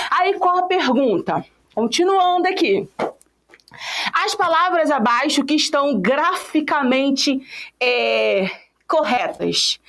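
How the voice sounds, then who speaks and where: A young Brazilian woman teaching an online exam-prep class in a lively, playful way, teasing her students by name. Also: high voice, a little hiss or hum. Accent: Brazilian Portuguese.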